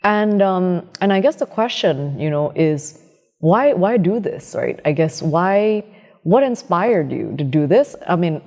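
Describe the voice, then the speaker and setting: A woman's voice: on the low side, animated, measured pace, darkish tone, big-room sound. A woman hosting an interview, asking long questions with frequent "right?" tags and fillers. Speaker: company CEO hosting the interview.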